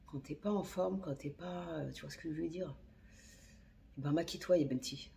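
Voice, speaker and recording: A woman's voice: low-pitched, normal speed, vocal fry, dark tone, a little hiss or hum. A woman chatting casually while filming a makeup tutorial on her phone, slangy and talking to herself as she works. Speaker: beauty vlogger. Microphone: phone camera.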